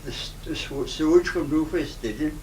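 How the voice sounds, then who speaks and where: A man in his nineties with a broad Scottish accent, reminiscing informally in a halting, rambling way in dialect. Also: a little high. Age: 90s. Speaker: interviewee, retired farm worker. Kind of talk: informal oral-history reminiscence. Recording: roomy, noisy, distant microphone.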